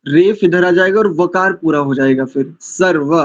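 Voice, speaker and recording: Man teaching chants, slow and careful, kinda high voice, dull lo-fi audio. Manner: slow, deliberate, syllable-by-syllable drilling. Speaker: Vedic recitation teacher. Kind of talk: mantra chanting and pronunciation class.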